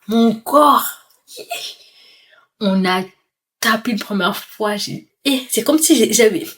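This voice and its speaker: Young woman, twenties, storytime vlogger, animated retelling, middle-pitched voice. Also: husky. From Comoros and Mayotte. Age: 20s. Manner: animated retelling, mimes crying and pleading. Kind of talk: storytime vlog.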